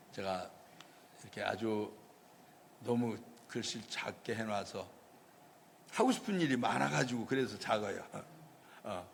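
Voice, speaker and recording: A man's voice: medium pitch, fairly bright tone, big-room sound, a little hiss or hum. A male pastor preaching a storytelling sermon, acting out the voices of people in the story. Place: church sanctuary.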